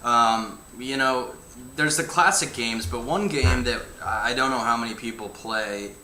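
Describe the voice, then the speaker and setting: A man's voice: medium pitch, a little slow, bright, forceful tone. A young man chatting casually on a livestream, telling stories in an easygoing way with hesitant fillers. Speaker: band member answering fan questions. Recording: roomy with faint hum.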